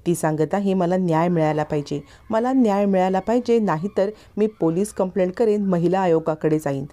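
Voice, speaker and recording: A woman's voice: on the low side, a little fast, dark tone, close to an everyday voice. A conniving young man coaxes his accomplice in a sly tone, as a woman storyteller voices him. The voice stays close to the narrator's own.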